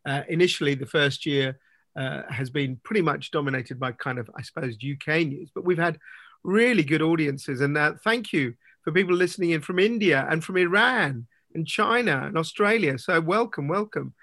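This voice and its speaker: A man hosts an interview podcast, his voice sitting a little high. He talks in a loose, meandering way, leaning on "sort of" and "you know." The sound is dry and close, with no room around it. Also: moderate pace, a bit bright, no echo. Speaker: podcast host. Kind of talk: conversational interview hosting.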